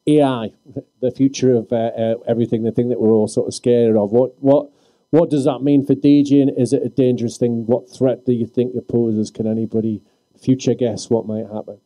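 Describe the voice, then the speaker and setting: A man's voice: mid-range voice, little pitch movement, a little fast, mellow, dry recording, poor audio. A man hosting a live panel discussion, asking questions in a rambling, hesitant way. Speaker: panel host. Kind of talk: moderating a panel.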